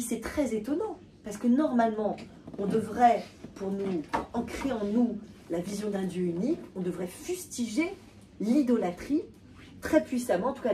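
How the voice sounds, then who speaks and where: A woman giving an animated talk to an audience, often repeating and restarting words. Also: mid-range voice. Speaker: lecturer. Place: hall with a live audience. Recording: distant voice with faint room noise.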